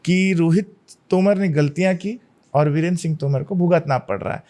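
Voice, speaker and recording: Man, podcast host, calm, probing questions, slightly high pitch. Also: normal speed. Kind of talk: podcast interview.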